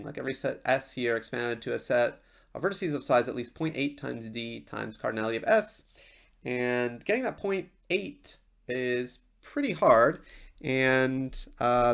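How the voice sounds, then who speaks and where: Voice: mid-range voice, creaky. A university lecturer giving an informal technical explanation, thinking aloud with small asides along the way.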